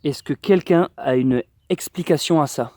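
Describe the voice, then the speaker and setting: A young man with a fairly high voice rambles to his viewers while filming outdoors on a handheld camera. He keeps restarting sentences and fills the gaps with "euh" as he explains himself. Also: moderate pace, dark tone, no echo. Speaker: survivalist vlogger. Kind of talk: casual vlog to camera. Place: outdoors by his bunker and orchard.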